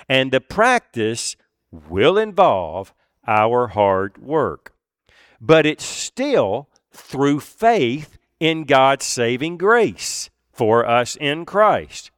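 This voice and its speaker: A man preaching a sermon, earnest and deliberate, with pauses and emphatic repeats. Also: mid-range voice, sing-song, a bit bright, clean tone, dry recording, clean studio sound. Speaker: pastor.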